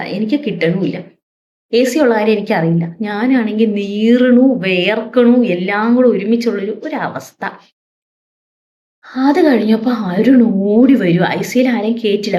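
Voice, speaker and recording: Young woman vlogging her own story, kinda high voice, emotional and heartfelt, dull lo-fi audio. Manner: emotional, heartfelt retelling with sighs and repeated words. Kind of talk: personal storytelling. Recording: dull lo-fi recording.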